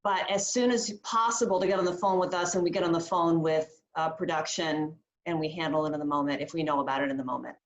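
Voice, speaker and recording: A woman speaking calmly as a talent agent in a town hall. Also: deep voice, quick pace, few pauses. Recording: roomy echo.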